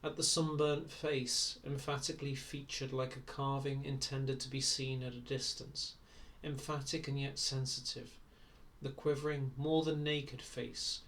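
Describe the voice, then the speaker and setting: Quiet, unhurried man reading aloud. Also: medium pitch, little pitch movement, rough recording. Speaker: audiobook reader.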